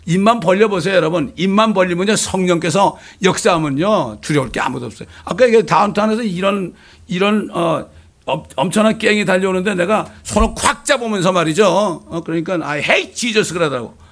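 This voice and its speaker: A man preaching a fervent sermon as a pastor, swinging between loud exclamations and quiet asides. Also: high-pitched, fairly quick.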